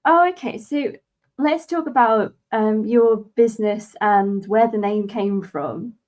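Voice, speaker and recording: A woman's voice: medium pitch, measured pace, a little mellow. A woman hosting an interview, reflecting on and summing up what her guest says. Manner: reflective, sums up the guest's points. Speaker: host.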